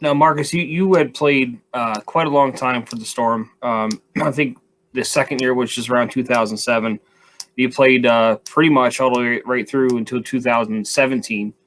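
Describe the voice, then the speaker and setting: A male host leads a live interview at an ordinary, middle pitch. He asks his questions loosely and chattily. His talk is full of fillers and restarts. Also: fairly even intonation, normal speed, a bit bright, slight background noise. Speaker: show host. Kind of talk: casual interview hosting.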